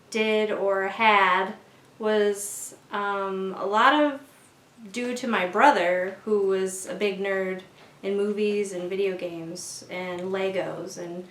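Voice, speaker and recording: A woman in her thirties chatting casually as a guest, with a dry, low-key manner. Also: a bit bright. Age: 30s. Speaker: guest, host's wife. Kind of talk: casual chat. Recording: distant mic, echoey room.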